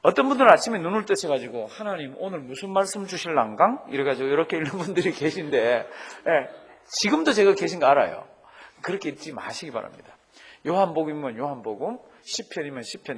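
A middle-aged man preaching a sermon on Bible reading, lively, asking the congregation questions and having them repeat after him. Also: fairly high pitch, slightly rough. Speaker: pastor.

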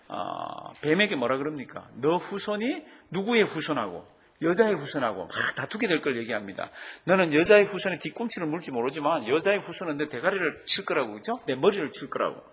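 A man's voice: on the high side, fairly bright tone, husky. A middle-aged man preaching a sermon as pastor, emphatic, quoting scripture and stressing key phrases.

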